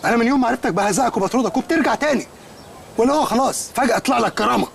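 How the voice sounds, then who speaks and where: A man's voice: extremely high pitch, rapid-fire, gravelly, slight background noise. An actor playing a boastful, sarcastic young man in a comedy film, with an Egyptian accent, mocking his friend and dropping English words. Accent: Egyptian Arabic.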